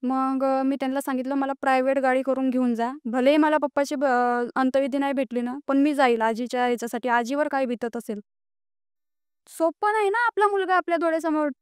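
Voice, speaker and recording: A woman's voice: high-pitched, little pitch movement, brisk, few pauses, clean tone, dry recording, studio quality. A young woman, telling her life story as a podcast guest, earnest and rising with indignation. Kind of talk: emotional personal storytelling.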